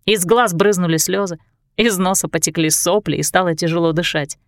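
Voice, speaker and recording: A woman's voice: fairly low pitch, fairly even intonation, brisk, no echo, clean studio sound. A woman narrating a first-person audiobook in an intimate, confessional way.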